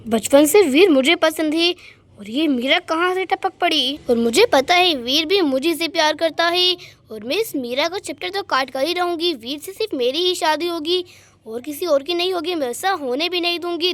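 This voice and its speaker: A woman's voice: high-pitched, moderate pace, fairly bright tone, no echo. A woman voicing a scheming, jealous young woman doll who mutters plots to herself in a doll story.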